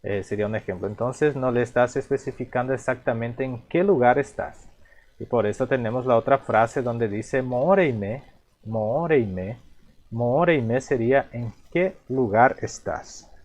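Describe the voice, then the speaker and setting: A man teaching a language lesson, explaining slowly, repeating each term and asking himself questions before answering. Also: medium pitch, darkish tone. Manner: repeats terms patiently, asks himself rhetorical questions.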